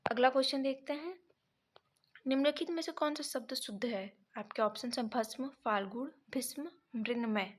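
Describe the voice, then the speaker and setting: A woman teaching an exam prep lesson, reading each option and then correcting it step by step, sometimes pausing to check her notes. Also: high-pitched. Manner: pauses to check notes mid-sentence.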